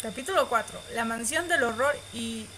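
Expressive woman reading a game aloud. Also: a little high, normal speed, noisy background. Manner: expressive, squeals and laughs at romantic scenes. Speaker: streamer reading a visual novel aloud. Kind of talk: reading game text aloud with live reactions.

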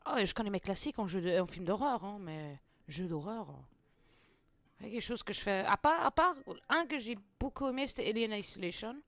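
A young woman gaming creator talks a little fast in a medium-pitched voice, recorded dry. Her let's play commentary is expressive and packed with exclamations, jokes and plenty of laughter.

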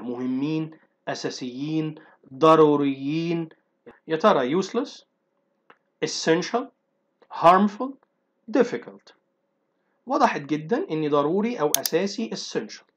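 A man with an Egyptian Arabic accent teaching an exam-prep English lesson, reading English sentences slowly and then explaining them briskly. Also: on the high side, muffled recording.

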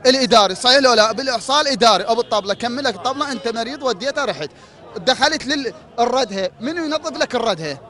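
A man's voice: very high-pitched, animated, very fast, bright, forceful tone, some chatter behind. Impassioned Iraqi man pleading at a protest. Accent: Iraqi Arabic. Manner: pleading, repeats rhetorical questions. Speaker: protesting hospital administrative worker. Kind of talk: impassioned street protest speech. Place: outdoors at a city street protest.

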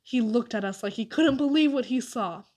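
A woman narrating a storybook aloud in a lively, expressive reading. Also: fairly high pitch, normal speed. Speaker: audiobook reader.

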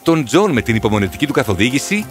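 With music behind him, a man narrates a storybook cartoon as a sorrowful, earnest horse. His natural, medium-pitched voice swings widely in pitch, and the tone stays reflective.

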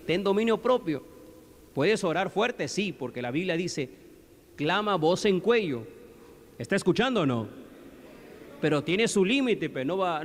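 A male pastor preaching in a conversational way, often asking the congregation questions. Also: high voice. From Peru. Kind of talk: sermon. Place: church hall. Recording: long hall reverb.

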